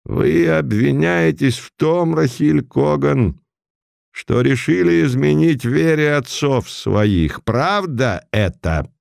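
A stern old chairman of a tribunal pronounces his charges in an audiobook, put on by a man. He speaks slowly and gravely in a gravelly voice pitched somewhat high. The recording is dry. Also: lively intonation, a little mellow, dry recording, full character voice. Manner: solemn, thundering.

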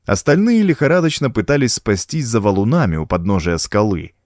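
A man's voice: lowish voice, animated, fairly quick, darkish tone, no room sound, studio quality. A man narrating an adventure audiobook with dramatic storytelling.

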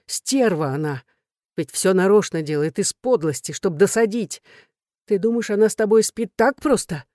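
A woman's voice: lowish voice, mellow, no room sound, clean studio sound, close to an everyday voice. A woman voicing a jealous older man who scolds and pleads tearfully, in a storybook reading. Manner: abusive, wheedling, tearful lament.

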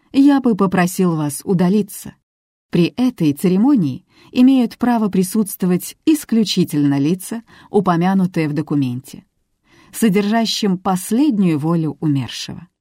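A woman's voice: mid-range voice, lively intonation, normal speed, dark tone, dry recording, clean studio sound, natural voice. Woman voicing a stiff, formal lawyer man. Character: older male lawyer, formal and pompous.

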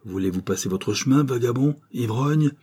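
A man reading an audiobook voices a tall, grumpy old animal-stuffer who shouts threats from a window, then chatters fussily to his guest. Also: medium pitch, moderate pace, breathy edge, natural voice. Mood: angry shouting.

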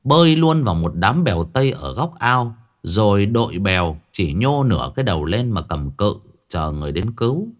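A man's voice: on the low side, very animated, normal speed. A man narrating a comic folk tale in an earthy, colloquial way. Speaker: storyteller.

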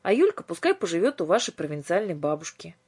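A woman voicing a clever, bossy teenage boy who lectures in a self-assured way, with a breathy voice. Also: fairly low pitch, big pitch swings, quick pace, darkish tone, heavily acted. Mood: lecturing.

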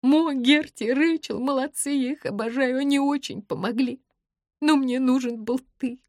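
A woman's voice: moderate pace, dry recording, studio quality, lightly acted. A woman voicing an outspoken, emotional young heroine. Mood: tearful. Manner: emotional, outspoken, high and loud. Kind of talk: audiobook character voice.

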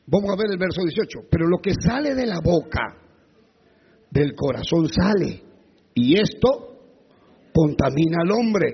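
A male pastor preaching a sermon with emphatic repetition and rhetorical questions, his voice gravelly and husky, in a dull recording with long reverb. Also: sits high.

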